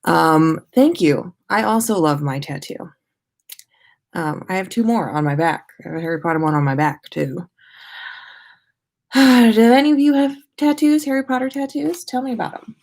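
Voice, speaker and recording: An American woman hosts a casual podcast livestream from her own room at home, her medium-pitched, slightly mellow voice moving at a moderate pace. She sounds tired as she rambles informally and playfully, dropping in sing-song asides.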